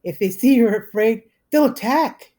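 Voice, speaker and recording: A woman's voice: fairly high pitch, expressive, normal speed, warm tone, voice pushed up, close to an everyday voice. A woman voicing a frightened boy who talks in an anxious, urgent way. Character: jumpy scared boy.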